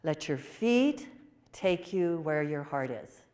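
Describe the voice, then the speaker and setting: A woman voicing a tender mother who speaks slowly and gently to her daughter. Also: low voice, expressive. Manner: slow and gentle, drops to a whisper.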